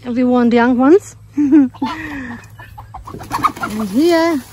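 With background noise behind her, an Australian woman gives a very slow, casual tour of her homestead, voice on the high side. She walks through the garden and poultry outdoors filming on her phone, using fillers and a turn of phrase.

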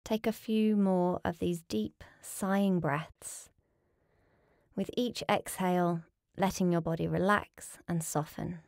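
A yoga nidra teacher with a fairly low, creaky voice leads a restful meditation. She gives calm, soothing instructions with gentle pauses between phrases. The sound is close and dry, with no room sound.

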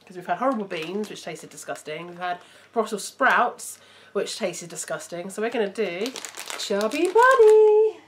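A woman's voice: lowish voice, moderate pace, fairly bright tone. A young woman hosting a vlog, chatting casually to camera in a giggly way. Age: young adult. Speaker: vlog host. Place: room at home. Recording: faint noise, home recording.

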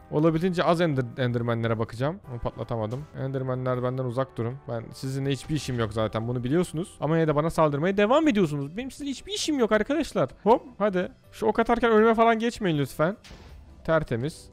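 A man giving lively live gameplay commentary, excitable and talking to himself and the game as he plays. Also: medium pitch. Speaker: gaming YouTuber.

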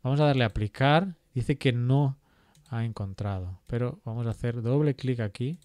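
A man walks through a software tutorial at a computer, thinking aloud and filling pauses with "eh" and "¿vale?". His voice is mid-pitched and recorded dry and close, with no room sound. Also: no room sound. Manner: thinks aloud with frequent fillers and rhetorical "¿vale?". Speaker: GIS instructor.

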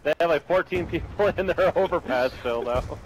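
A man chatting casually with friends while playing a shooter game, excitable and prone to yelling. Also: on the high side, normal speed, a little hiss or hum, poor audio. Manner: excitable, yells during play. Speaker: gamer. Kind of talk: casual gameplay chat.

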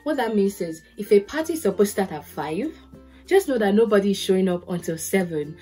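A young woman from Nigeria, who works as a lawyer and podcast host, speaks fairly quickly in a medium-pitched, slightly rough voice with a Nigerian accent. Indoors in a bedroom with curtains and soft background music, she gives casual advice on camera, acting out quotes in lively anecdotes.

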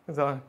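A male math teacher reads out his students' scores during a live online lesson. He teases and jokes throughout, repeatedly asking "được chưa?".

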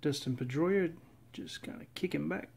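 A man casually narrating as he opens packs of trading cards, reading off names in a steady, relaxed list. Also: a little high, moderate pace, creaky, a little hiss or hum. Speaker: card collector opening packs. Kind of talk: casual running commentary. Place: indoors at a table.

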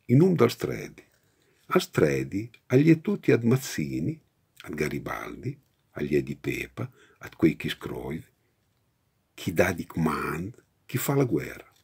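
A man in his sixties recites poems in Romagnol Italian dialect. His gravelly voice moves slowly, with a lively rise and fall that suits verse read aloud. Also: low-pitched. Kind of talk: poetry reading. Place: book-lined study, indoors.

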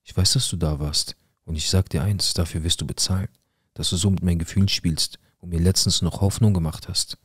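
A man voicing his unstable mother in a cold, threatening, low-key way while telling a true story. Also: fairly even intonation, brisk, husky, no echo, studio quality. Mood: menacing. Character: menacing unstable mother, woman, middle-aged.

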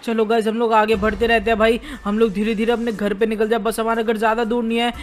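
A woman's voice: a little high, level tone, quick pace. A woman hosting a gaming channel, giving chatty role-play commentary and speaking directly to her viewers. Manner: chatty, addresses viewers as guys.

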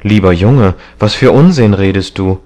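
A man reading an audiobook, voicing a gentle, devoted middle-aged painter who talks in an earnest, coaxing way. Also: low voice, unhurried. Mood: insistent.

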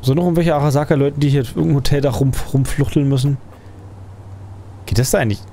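A man's voice: medium pitch, fairly even intonation, fast, warm tone, slight background noise. A man giving casual let's play commentary, thinking aloud and asking himself questions as he plays.

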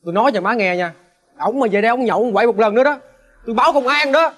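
Casting: a surly Southern Vietnamese son, high voice, rapid-fire and curt. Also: male voice, fairly bright tone. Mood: defiant. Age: young adult. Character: resentful hot-headed young son. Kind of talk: TV crime reenactment drama.

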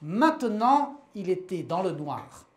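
A woman reads a short story aloud in a measured storytelling voice. She lingers on the repeated phrases and lets each sentence land plainly. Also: fairly low pitch, very animated. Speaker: reader.

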